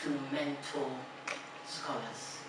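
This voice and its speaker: An older woman from Ghana giving a lecture at a podium in a large hall, first chanting a poem in a slow, rhythmic way, then telling stories in a reflective tone. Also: extremely low pitch, fairly even intonation. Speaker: alumni speaker. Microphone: podium mic, recorded from a far camera. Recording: distant, very echoey hall recording with noise.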